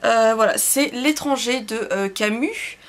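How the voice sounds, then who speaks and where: A young woman reviewing books in a casual vlog, rambling and hesitant, full of fillers and self-corrections, and quick to poke fun at herself. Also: fairly high pitch. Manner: self-deprecating, laughs at herself. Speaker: book vlogger.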